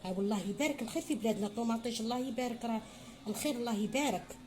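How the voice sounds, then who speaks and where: Fast-talking motherly Algerian woman cooking. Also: fairly high pitch, a little mellow, soft background music. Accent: Algerian Arabic. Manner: chatty, motherly, addresses viewers as her children, frequent blessings. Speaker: home cook. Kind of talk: cooking tutorial.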